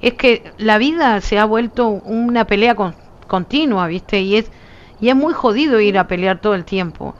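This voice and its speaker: This lo-fi clip has a Uruguayan woman streaming and talking casually with her viewers at a moderate pace and medium pitch. Her voice is almost gone, yet she remains emphatic and insistent, animated as if talking with her hands and often tossing in "¿viste?".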